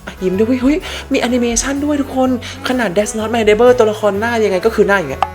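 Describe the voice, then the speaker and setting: A woman hosting a gaming channel and giving let's-play commentary in an excitable way, full of crude slang. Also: a little high, fast. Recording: game music behind voice.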